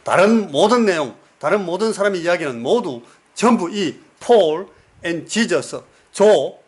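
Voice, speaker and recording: A man's voice: sits high, expressive, slow pace, breathy edge. A man preaching a sermon as pastor, telling stories and putting questions to the congregation, repeating words for emphasis. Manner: storytelling, asks the congregation questions.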